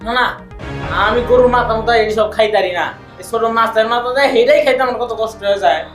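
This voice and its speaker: A woman playing a quick, sharp-tongued young in-law. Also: a little high, soft background music, lightly acted. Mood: arguing. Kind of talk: comedy short film acting. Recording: echoey room.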